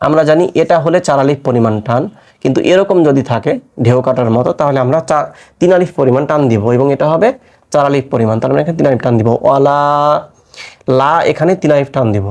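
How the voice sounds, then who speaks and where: A man teaching Quran recitation, spelling out letters and marks and then chanting each joined word in a long, drawn-out tone. He asks his listeners questions and answers them himself. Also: mid-range voice, a little mellow. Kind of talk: step-by-step recitation lesson.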